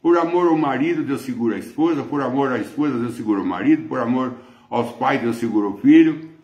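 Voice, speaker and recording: A man's voice: mid-range voice, quick pace, a little mellow, roomy sound. A man with a Brazilian accent preaching a sermon as pastor, emphatic and repetitive. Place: church.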